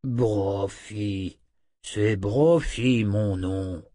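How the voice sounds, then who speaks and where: A man voicing a loyal, humble male talking wolf, low and slow, in an audiobook. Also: dark tone, dry recording, clean studio sound.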